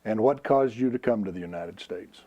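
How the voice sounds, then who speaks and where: A man's voice: lowish voice, moderate pace, warm tone, lo-fi sound. A man hosting an interview program, asking plain, direct questions. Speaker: host.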